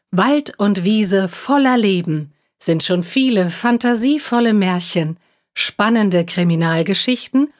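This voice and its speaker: A woman reading a children's story aloud, calmly and clearly. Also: medium pitch. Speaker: reader of children's stories. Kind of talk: slow storybook narration for children.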